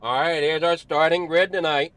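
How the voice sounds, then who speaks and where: Running down the starting grid of an online sim race broadcast, this commentator sounds relaxed, slightly out of breath, apologetic and prone to wandering off track. His somewhat high voice is steady, fairly bright, clear and resonant, at a normal pace with no room sound.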